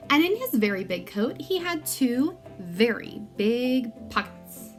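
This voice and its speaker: A children's story is read aloud by a woman at a fairly high pitch, delivered expressively with deliberate, dramatic emphasis for a young audience.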